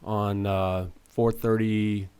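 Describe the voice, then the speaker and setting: A man co-hosting a talk radio show, telling stories with halting speech and frequent chuckles. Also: on the low side, level tone, darkish tone, smooth. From Florida. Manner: hesitant, many fillers and restarts, chuckles often. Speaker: radio co-host. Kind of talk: casual talk radio chat.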